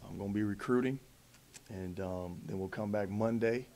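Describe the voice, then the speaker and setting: A man in his thirties, a head coach at a post-game press conference, answering in a measured way with many fillers and restarts into a table mic. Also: lowish voice, warm tone, slight background noise. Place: press conference room in front of a backdrop. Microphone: table mic in front of him.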